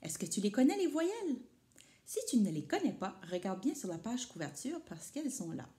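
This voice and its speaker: A woman teacher reading a picture book aloud to children, asking them questions as she goes. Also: on the high side. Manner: lively, addresses children with questions. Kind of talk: storybook read-aloud.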